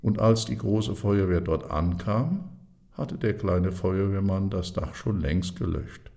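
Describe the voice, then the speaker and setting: A man reading a children's storybook aloud in a calm, measured way, adding playful sound effects. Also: deep voice, creaky.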